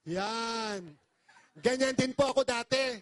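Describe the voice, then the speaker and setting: A man's voice: very high voice, takes it slowly, a bit bright, no echo. A man from the Philippines giving an impassioned, pleading testimonial to an audience as a business presenter, very polite and emotional.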